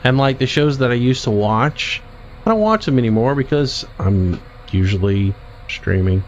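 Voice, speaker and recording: A man streaming a game and casually answering chat questions in a relaxed, drawling way. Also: medium pitch, moderate pace. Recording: dull lo-fi stream audio with faint vehicle noise.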